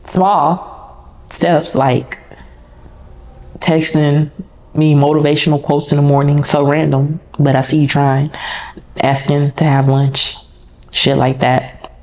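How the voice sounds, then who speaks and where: A woman's voice: low-pitched, level tone, slow pace, pauses often, darkish tone. A woman podcast host telling a personal story in a candid, casual, conversational way, talking straight to her listeners.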